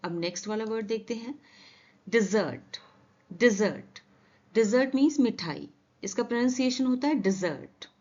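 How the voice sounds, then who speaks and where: Woman teaching English words, high voice. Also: animated, darkish tone, muffled recording. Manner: reads example sentences slowly, explains quickly. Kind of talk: vocabulary lesson.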